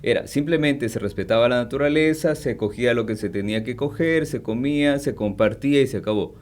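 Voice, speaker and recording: A man's voice: mid-range voice, a little fast, a little mellow. A man on a talk radio show, explaining points in a lecturing way.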